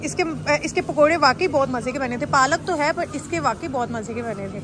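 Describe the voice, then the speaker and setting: A woman's voice: sits high, fairly quick, background noise. A woman chatting casually as she films herself shopping in a big supermarket, exclaiming at prices and food. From Pakistan. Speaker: vlogger. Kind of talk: casual shopping vlog chat. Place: large indoor supermarket. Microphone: handheld phone camera. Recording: background music laid over.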